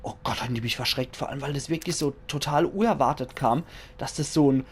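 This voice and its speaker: A man's voice: medium pitch, fast, breathy edge. A man with a Palatinate German accent, chatting jokingly to himself as he plays through a horror game and comments on it. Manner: jokey, chatty, talks to himself while playing. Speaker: let's play commentator. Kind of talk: casual gaming commentary.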